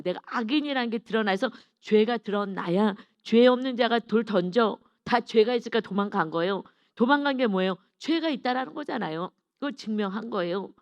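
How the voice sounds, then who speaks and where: A woman's voice: mid-range voice, dry recording, muffled recording. Earnest woman pastor preaching at dawn. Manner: earnest, emphatic, acts out quarrels in quoted voices. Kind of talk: early-morning devotional sermon.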